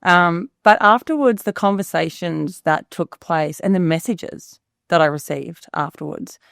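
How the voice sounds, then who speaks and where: A woman's voice: on the low side, a little slow, gravelly, fairly bright tone, dry recording, clean studio sound. A woman, a podcast guest telling a personal story in a candid, chatty way, acting out quoted dialogue and often using fillers. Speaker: podcast guest, business founder.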